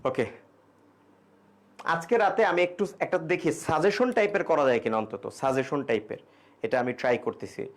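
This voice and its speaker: Young man, English grammar teacher, fairly high voice, casual explaining, reads out student questions. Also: moderate pace, long pauses. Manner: reads student questions aloud and answers them. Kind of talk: online exam-prep grammar class.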